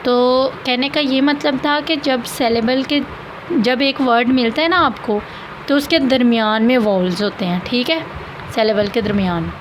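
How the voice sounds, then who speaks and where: A woman with a voice on the high side teaches English grammar at a measured pace, explaining slowly and patiently for her class. She repeats key points and checks in with "theek hai," with slight background noise audible.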